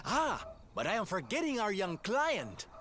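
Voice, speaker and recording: A man's voice: high-pitched, huge pitch swings, unhurried, a bit bright, full character voice. An actor playing a flamboyant, theatrical showman who acts as a detective in a video game, with a grand delivery.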